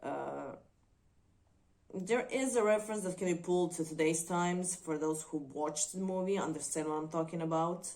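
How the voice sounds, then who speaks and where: Slow, low-voiced woman. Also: a little mellow. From Croatia. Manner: thoughtful, hesitant, frequent filler pauses. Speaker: movie reviewer. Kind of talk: unscripted video commentary.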